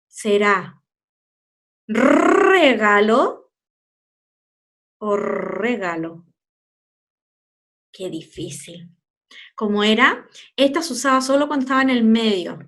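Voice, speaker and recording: A woman teacher with a Chilean Spanish accent, giving a children's phonics lesson with slow, drawn-out word demonstrations and playful asides. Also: a little high, fairly bright tone. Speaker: primary school teacher.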